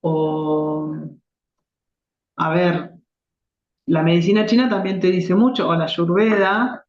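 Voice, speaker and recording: A woman's voice: lowish voice, fairly even intonation, slow pace, a little mellow. Rioplatense woman explaining, echoey dull sound. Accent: Rioplatense Spanish. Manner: reflective, explanatory, with frequent restarts. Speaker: reflexology therapist guest. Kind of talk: conversational interview. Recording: echoey, dull lo-fi remote audio.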